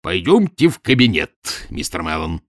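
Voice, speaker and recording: A man voicing a gruff, domineering professor who grumbles and mocks in a low, booming voice, in an audiobook. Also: very animated, normal speed, no room sound, clean studio sound. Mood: gruff mocking. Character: gruff domineering mocking middle-aged professor. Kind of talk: audiobook character voice.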